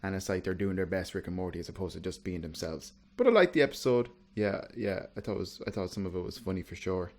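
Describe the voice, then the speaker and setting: A man with a very deep voice chats casually on a podcast. He is blunt and a little sweary, and he softens his views with hedges like "kind of" and "maybe". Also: quick pace, few pauses. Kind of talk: casual chat.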